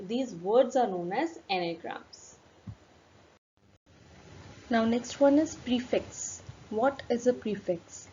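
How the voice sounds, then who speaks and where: A woman teaching an English lesson, switching between Hindi and English and spelling words letter by letter, slowing down for English definitions. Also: a little high, dark tone. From India. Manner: slows right down for English definitions. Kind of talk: recorded classroom lesson. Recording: dull lo-fi recording with faint room noise.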